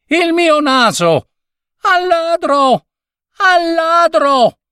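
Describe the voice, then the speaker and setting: A man voicing a panicked, pompous middle-aged gentleman who keeps shouting shrilly in a storybook. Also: very high voice, big pitch swings, very slow, no room sound, studio quality, pitched above the performer's own voice, full character voice. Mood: frantic.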